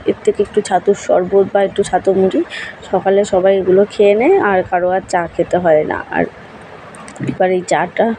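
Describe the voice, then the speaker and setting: A young woman chats her way through a home vlog. She rambles along with fillers and restarts in a mellow, dark-toned voice. Faint household noise sits behind her. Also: mid-range voice, poor audio. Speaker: vlogger, housewife. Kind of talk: casual vlog voice-over narration.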